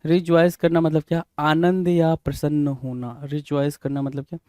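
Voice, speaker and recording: A man's voice: fairly high pitch, level tone, normal speed, darkish tone, clear, resonant tone, dry recording, studio quality. A man teaching English vocabulary for exams, spelling words out letter by letter and prompting students with rhetorical questions. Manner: keeps asking "bhai?" as a rhetorical prompt. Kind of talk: exam-prep vocabulary lesson.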